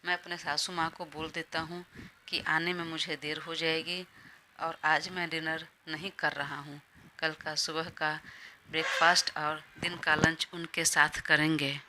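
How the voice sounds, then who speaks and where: A woman's voice: low voice, flat delivery, measured pace, sharp tone, a little hiss or hum. A woman reading a storybook part, voicing an indulgent male boss who gives in easily but keeps his own plans firm. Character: smooth-talking male boss, indulgent, busy.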